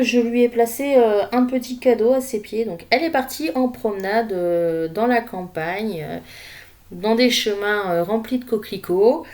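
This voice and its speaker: Relaxed, hesitant woman crafting voice-over. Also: on the high side. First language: French. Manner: relaxed and unhurried, with frequent hesitations. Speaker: craft vlogger. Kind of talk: casual voice-over narrating a scrapbooking session.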